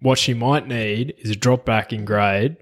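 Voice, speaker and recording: A man's voice: mid-range voice, steady tone, measured pace. An Australian man who co-hosts a casual chat of horse racing tips, talking as a tipster.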